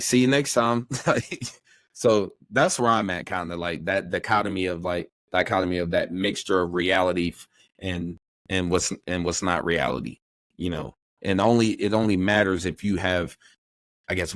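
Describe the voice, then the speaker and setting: Rambling man with a lowish voice. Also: normal speed, dry recording. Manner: rambling, animated, acts out quoted voices. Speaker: podcast co-host. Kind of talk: casual podcast conversation.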